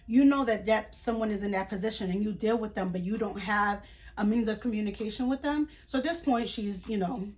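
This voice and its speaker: A woman's voice: medium pitch, a little fast, darkish tone. A young adult woman telling a storytime vlog in a chatty, indignant way, full of fillers and retold dialogue. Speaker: vlogger.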